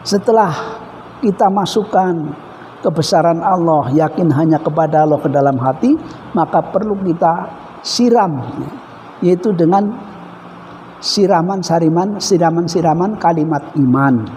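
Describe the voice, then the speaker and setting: A man's voice: on the high side, dark tone, a little hiss or hum. Man preaching in an echoey hall. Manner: measured preaching with Arabic recitation. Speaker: Islamic preacher. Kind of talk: religious lecture. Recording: dull reverberant hall recording.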